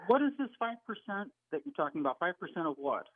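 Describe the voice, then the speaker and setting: A man of about sixty calls in over a thin, dry phone line, his voice a little higher than most men's. He asks direct, probing follow-up questions in a plain, everyday way. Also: sing-song, fast, dry recording. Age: 60s. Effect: heard over a phone line. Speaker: radio call-in caller.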